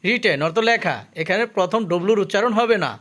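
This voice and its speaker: This Bangladeshi man has a high, expressive, bright voice with a forceful edge. He teaches English vocabulary in a slow, careful drill, saying each word and its meaning twice and pausing to explain pronunciation.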